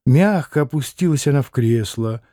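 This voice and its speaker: Mellow-voiced male audiobook narrator. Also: medium pitch, no room sound, clean studio sound. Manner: measured, expressive literary reading. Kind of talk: scripted narration of a classic novel.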